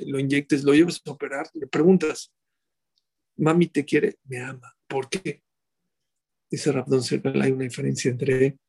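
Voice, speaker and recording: A middle-aged man delivers a rabbi's sermon. His voice has a husky edge, and he keeps asking his listeners rhetorical questions in an animated way. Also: medium pitch.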